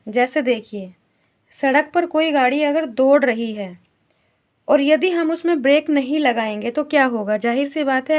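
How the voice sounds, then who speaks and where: A woman teacher explaining a grammar lesson to young pupils, asking questions and then answering them herself. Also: high-pitched. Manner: slow, questioning, answers her own questions.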